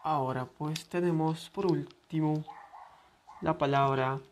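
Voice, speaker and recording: A man giving a pronunciation lesson at an unhurried, deliberate pace. He repeats each word patiently for his students to practice. A faint hiss of noise sits under his voice. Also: on the high side, steady tone. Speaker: English teacher.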